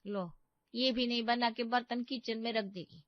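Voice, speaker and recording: A woman's voice: on the high side, steady tone, normal speed, no room sound, highs cut off, natural voice. A woman voicing a naive, childlike young maid. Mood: meek. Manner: simple-minded, colloquial, innocent. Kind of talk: animated story voice acting.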